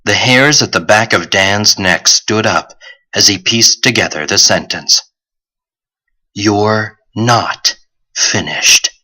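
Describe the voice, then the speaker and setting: A man narrating a young-adult novel audiobook in a steady, clear storytelling manner. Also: on the low side, unhurried, rough recording. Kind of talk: scripted narration.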